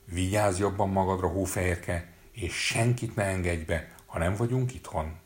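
A man's voice: deep voice, natural voice. A man voicing the worried, protective dwarfs giving an earnest warning in a storybook reading.

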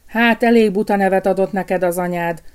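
A woman voicing a gruff male palace gatekeeper who barks his questions loudly. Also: mid-range voice, fairly even intonation, close to an everyday voice. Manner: barking, loud.

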